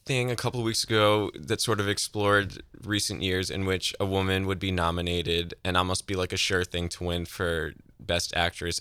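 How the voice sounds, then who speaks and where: A man's voice: low-pitched, pushed and bright, clear, resonant tone, no room sound. A man co-hosting a casual film chat, talking thoughtfully with trailing restarts. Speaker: co-host. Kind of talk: casual chat about films.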